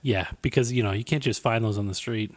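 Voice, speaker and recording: A man's voice: fairly low pitch, fast talker. A man co-hosting a casual podcast, reacting with wry, crude comments. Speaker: podcast co-host. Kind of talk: casual chat.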